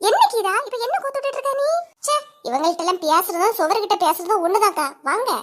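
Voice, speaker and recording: A sharp-tongued village woman bickers with her neighbours in a cartoon comedy, voiced by a woman. Her voice sits very high, and she scolds and accuses in a Kanyakumari Tamil accent. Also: lively intonation, fast talker. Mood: quarrelsome. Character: bickering village women neighbours, quick-tempered.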